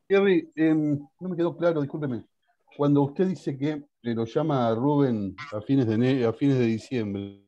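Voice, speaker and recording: A man with an Argentine accent, a lawyer questioning a witness over a video call, speaking haltingly and apologetically through poor-quality internet call audio. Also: medium pitch, warm tone. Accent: Argentine Spanish. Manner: hesitant, apologetic, halting with fillers. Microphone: computer microphone on a video call. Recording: dull lo-fi online stream.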